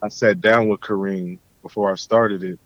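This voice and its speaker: A man's voice: lowish voice, fairly even intonation, normal speed, dry recording, muffled recording. A man from Philadelphia, a guest on a podcast, talking in a laid-back, slangy, emphatic way. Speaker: guest, pro skateboarder. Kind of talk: casual chat.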